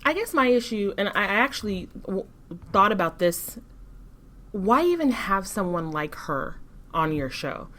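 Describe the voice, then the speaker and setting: A woman co-hosting a podcast in casual discussion, measured and critical, often restarting her sentences. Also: mid-range voice, big pitch swings, fairly bright tone. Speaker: podcast co-host.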